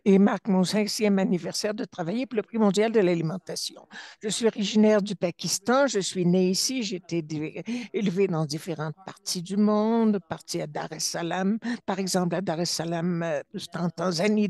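A woman giving simultaneous interpretation for a webinar, halting and often restarting or correcting herself mid-phrase. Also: medium pitch, warm tone, dry recording.

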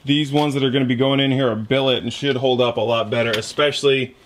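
A man's voice: mid-range voice, fairly even intonation, fast, a little hiss or hum. A man in his thirties casually explaining an engine rebuild step by step in his home garage, his voice picked up by the camera mic while he works. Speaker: garage mechanic host. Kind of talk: casual how-to narration.

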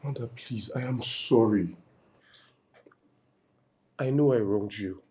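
An actor playing a remorseful young man, softly pleading with his partner to forgive him. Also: fairly low pitch, slow, slight background noise. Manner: pleading, soft and broken.

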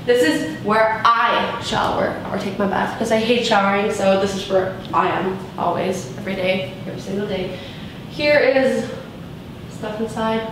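A bubbly young adult rambles through a house tour of her bedroom and bathroom, her medium-pitched voice full of "like" and "so cool." Filming handheld as she wanders the big tiled rooms, the recording comes out echoey with noise behind her.

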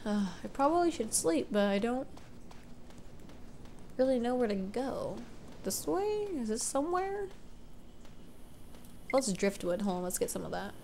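A young woman with a fairly high, sing-song, dark-toned voice commentates a video game casually, speaking a little slowly and pausing often. Congested from allergies, this let's play gamer rambles, corrects herself repeatedly, and comes across as unsure. Slight background noise is present.

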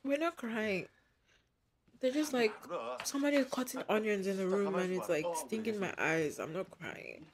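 A woman's voice: medium pitch, lively intonation, normal speed, a crowd in the background. A woman hosting a movie reaction, talking back at the screen in an emotional, exclamatory way.

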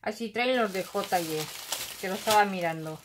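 A woman's voice: mid-range voice, normal speed, background noise. A middle-aged woman from Spain, with a Basque Country Spanish accent, chatting casually through a craft haul, thinking aloud and humming filler sounds while she unpacks at a table at home.

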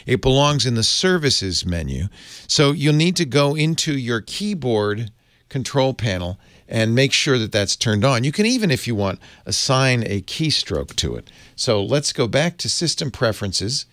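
A man's voice: medium pitch, sing-song, moderate pace, a bit bright, no room sound. A man hosting a casual tech tutorial, chatty and easygoing, chuckling as he explains. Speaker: host.

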